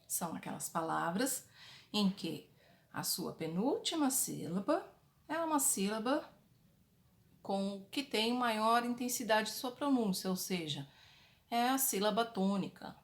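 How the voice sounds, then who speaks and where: Slow, patient Brazilian woman teacher. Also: mid-range voice, expressive. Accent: Brazilian Portuguese. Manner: slow, patient, repeats points for young pupils. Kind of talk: recorded online class for children. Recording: echoey room.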